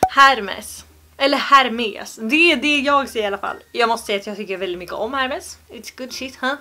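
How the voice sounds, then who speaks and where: A woman's voice: on the high side, sharp tone. A young Swedish woman vlogging to camera in a playful, joking way, with exaggerated pronunciations. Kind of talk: casual vlog to camera.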